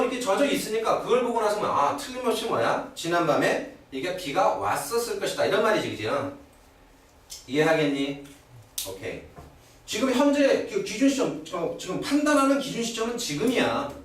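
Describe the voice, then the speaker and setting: Middle-aged male grammar teacher, lively up-and-down delivery, fairly high voice, keeps checking in with the class, picked up from afar in a very echoey room. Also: recorded from a distance. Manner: keeps checking in with rhetorical questions. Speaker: English teacher. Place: classroom at a cram school.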